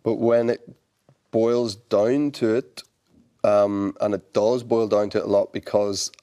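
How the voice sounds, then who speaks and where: Man, Northern Irish accent, lowish voice, thoughtful, halting, repeats words, interview guest. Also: steady tone, mellow, clean tone. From Northern Ireland. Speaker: actor guest. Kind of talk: interview conversation.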